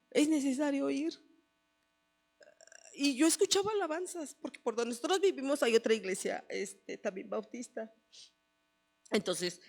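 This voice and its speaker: A woman's voice: fairly high pitch, creaky. A woman, mother of a son, giving a personal testimony at a church service in an earnest storytelling manner, often repeating her phrases. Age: adult, mother of a son.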